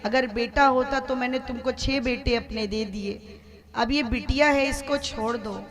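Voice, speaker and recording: A woman's voice: on the high side, measured pace. A woman doing a pleading young mother. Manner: pleading, tearful. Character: desperate young mother pleading for her baby daughter. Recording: instrumental music behind the voice.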